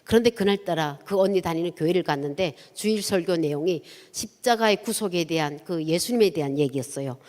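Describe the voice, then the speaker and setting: A North Korean woman evangelist gives a testimony sermon in a church sanctuary, her voice low-leaning, a little mellow, and a little fast with hardly any pauses. She tells her story vividly and acts out dialogue, with long church hall reverb on the recording.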